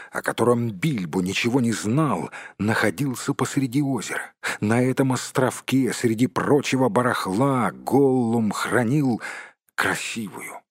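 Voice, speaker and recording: A man reading a storybook aloud as an expressive, dramatic narrator. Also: mid-range voice, slightly rough, no room sound, clean studio sound. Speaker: audiobook narrator.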